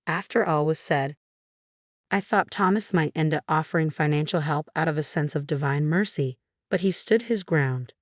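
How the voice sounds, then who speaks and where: A woman narrating a scripted family drama story in a measured, even way. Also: sits low, no room sound, clean studio sound.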